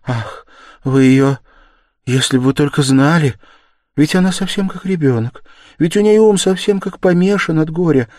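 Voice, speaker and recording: A man's voice: medium pitch, moderate pace, dry recording, clean studio sound, voice pushed up, lightly acted. Man voicing meek, timid young Sonya. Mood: pleading. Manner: soft, hesitant, rising to tearful pleading. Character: timid, meek young woman, gentle and pleading. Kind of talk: audiobook character reading.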